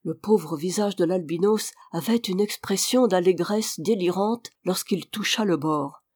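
An audiobook reader with a middle-pitched voice tells a classic adventure novel at an even, measured pace. The recording is dry and close, with no room sound at all. The delivery stays steady throughout, as in scripted narration. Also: breathy edge, no echo.

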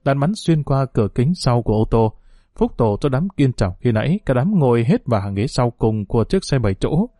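Male audiobook narrator, steady and mellow, dry close recording. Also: mid-range voice, a little fast, dry recording.

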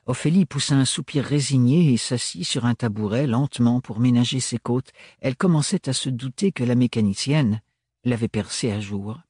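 A man reading a novel aloud as an audiobook narrator, in a measured literary delivery. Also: medium pitch, a little mellow, husky, no echo, clean studio sound. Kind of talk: scripted narration.

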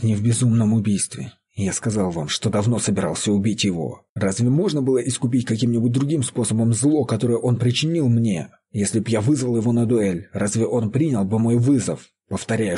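A man voicing a grim, vengeful farmer who speaks calmly and accusingly. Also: fairly low pitch, brisk, few pauses, slightly rough. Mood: grimly calm. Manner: calm, accusing. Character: grim vengeful middle-aged male farmer, calm and sure.

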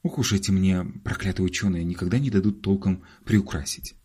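A man's voice: deep voice, brisk, mellow, slightly rough. A man voicing a witty, sardonic young man with a dry, mocking manner in an audiobook.

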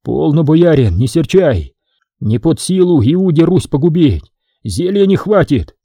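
A man's voice: on the high side, sing-song, a little slow, dark tone, husky, dry recording, studio quality, voice pushed up, heavily acted. A man doing a wounded, stoic prisoner. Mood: strained. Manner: muttering through clenched teeth, weak and strained. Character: wounded stoic male prisoner, quiet and strained.

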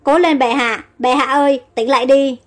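A woman voicing an anxious, quick-witted young woman, speaking in worried, urgent bursts. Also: high voice, fairly even intonation, soft background music, natural voice. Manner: worried, urgent inner monologue. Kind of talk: storybook character voice.

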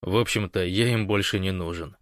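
A man voicing a sly, scheming man who feigns meekness, speaking soft and wheedling in an audiobook. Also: deep voice, a little fast, no echo, studio quality, natural voice. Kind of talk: audiobook character voice.

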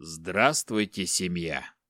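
A man voicing a cold, slow-spoken captor. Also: animated, bright, forceful tone, no echo, studio quality, heavily acted. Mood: menacing calm. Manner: slow, measured, low-voiced. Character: calm menacing male captor in a monk's cassock.

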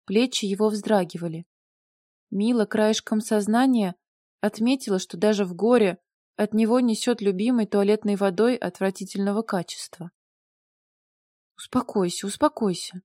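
Warm-voiced woman narrating an audiobook. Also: mid-range voice, dry recording, clean studio sound. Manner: lively, wry storytelling. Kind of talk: scripted narration.

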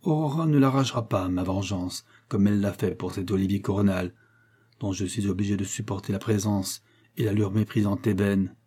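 A man's voice: lowish voice, a little fast, mellow, breathy edge. A man voicing a ruthless American billionaire in an audiobook, speaking with bitter scorn and threats of revenge. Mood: vengeful. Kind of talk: audiobook character reading.

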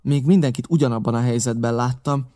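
A man reading an adventure novel aloud as steady, scripted narration. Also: medium pitch. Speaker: audiobook reader.

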